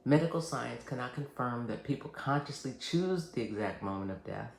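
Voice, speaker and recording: Gravelly-voiced man, measured and reassuring. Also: mid-range voice, animated. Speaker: hospice nurse and channel host. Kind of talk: scripted educational narration to camera. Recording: roomy echo, faint background noise.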